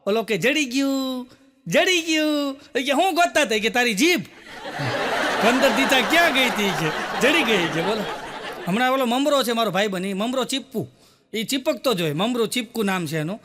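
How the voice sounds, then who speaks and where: A man's voice: extremely high pitch, animated, fairly quick, pushed and bright. A man telling stand-up jokes, acting out quoted dialogue and repeating little filler words as he goes. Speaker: stand-up comedian. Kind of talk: Gujarati joke telling.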